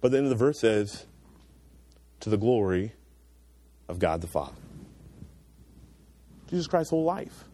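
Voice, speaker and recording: A young man who works as a youth pastor preaches a sermon to a youth group in a medium-pitched, darkish voice. He's earnest and emphatic, raising his voice on key points before settling into a prayer.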